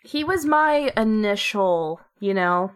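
A woman's voice: medium pitch, animated, slow pace, clear, resonant tone. A young woman co-hosting a podcast in casual chat, rambling and laughing often. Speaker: podcast co-host.

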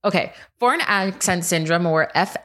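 A woman's voice: on the low side, normal speed, fairly bright tone. A woman co-hosting a casual podcast chat, talking with a lot of "like" fillers. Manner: chatty, many "like" fillers. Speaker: podcast co-host.

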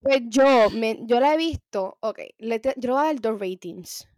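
A woman's voice: fairly high pitch, expressive, a little slow, a little mellow, no room sound, clean studio sound. A Puerto Rican woman in her twenties in casual, slangy Spanglish chat, switching between Spanish and English and swearing freely. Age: 20s.

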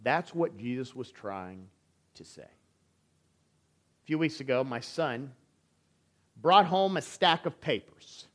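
A man's voice: mid-range voice, expressive, takes it slowly, long pauses. A man preaching a sermon in a church as an elder, telling stories and acting out family conversations. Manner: storytelling, acts out family dialogue.

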